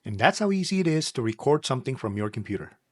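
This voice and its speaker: A man's voice: medium pitch, big pitch swings, fast talker, over music. A man demonstrating a product step by step. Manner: plain step-by-step explaining. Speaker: product reviewer. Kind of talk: product demo.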